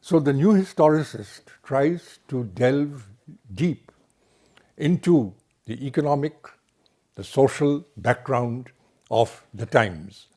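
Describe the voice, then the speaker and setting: A middle-aged man lectures on literature at a slow, measured pace. He leans on key words with deliberate emphasis, and his voice sits in an ordinary, mid-range pitch. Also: lively intonation, a little mellow.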